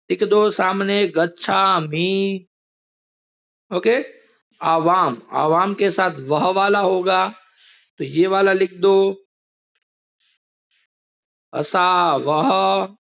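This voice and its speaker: A man's voice: high-pitched, a bit bright. A man teaching an online class, patiently explaining step by step over a video call.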